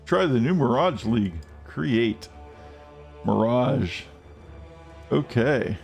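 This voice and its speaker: A man chatting casually on a game live stream, rambling and swearing freely, with excited outbursts. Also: medium pitch, slow, gravelly, faint music behind.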